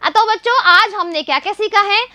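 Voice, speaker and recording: Woman teacher for young kids, high and bright, patient call-and-response, dry close recording. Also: fairly quick, no room sound. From India. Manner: patient, repeats questions and answers for young children. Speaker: primary school teacher. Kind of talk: children's Hindi writing lesson.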